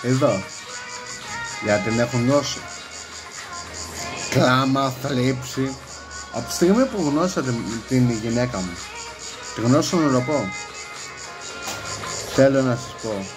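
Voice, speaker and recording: A man's voice: medium pitch, lively intonation, long pauses, low-quality recording. A man rambling in a casual monologue, acting out quoted dialogue in raised voices. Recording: music playing behind the voice.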